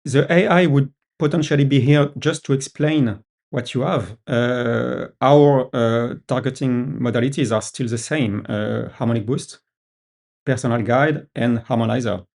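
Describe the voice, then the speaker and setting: A man with a French accent explaining app features in casual talk, pausing often with fillers. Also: medium pitch, creaky, darkish tone. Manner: hesitant, many "uh" fillers. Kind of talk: casual video-call discussion.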